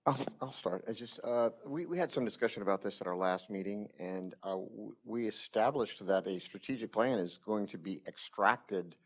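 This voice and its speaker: A man speaking as a city commissioner, asking questions courteously and haltingly, often repeating words. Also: fairly low pitch. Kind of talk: questioning at a public meeting. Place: city council chamber.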